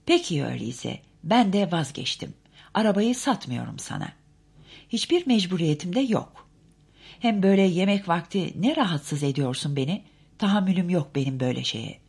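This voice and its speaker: A woman voicing an irritated rich man, speaking loudly in an audiobook. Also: medium pitch, very animated, unhurried, vocal fry, husky, voice pushed up, full character voice. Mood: angry. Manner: loud, irritated. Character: angry rich man on the phone.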